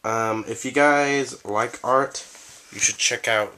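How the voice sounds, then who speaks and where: A man's voice: mid-range voice, slow pace, sharp tone, a little hiss or hum. A sick, stuffy-voiced man hosting a casual vlog, reading letters aloud with playful asides. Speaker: vlogger host.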